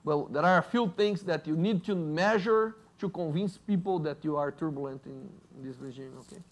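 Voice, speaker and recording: A man with a Brazilian Portuguese accent, a native Portuguese speaker, giving a lively university physics lecture and joking with the audience. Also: fairly high pitch, moderate pace. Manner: lively, jokes with audience, asks "right?".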